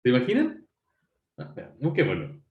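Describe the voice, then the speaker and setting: Speaking fairly quickly, this man has a medium-pitched voice that swoops wildly, captured in a roomy space with narrow, tinny audio. He talks conversationally to students during an online university lecture, addressing them directly and fixing his own slips as he goes.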